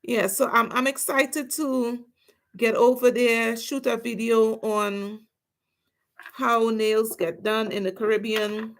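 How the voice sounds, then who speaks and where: A Trinidadian-accented woman from Trinidad and Tobago takes it slowly, her slightly high voice showing little pitch movement. A nail technician vlogger, she does her nails while chatting casually with her livestream audience.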